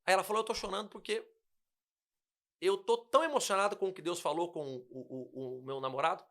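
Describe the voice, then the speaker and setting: A man's voice: high voice, brisk, a bit bright. A young man, a pastor, telling a personal testimony in casual conversation, emotional and acting out the dialogue. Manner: emotional storytelling, acts out dialogue. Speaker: guest pastor.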